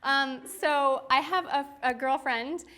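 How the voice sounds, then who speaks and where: A woman's voice: high voice, slow, pushed and bright. A young adult woman giving a candid talk, frank and chatty, full of "like" and "um" fillers, laughing often.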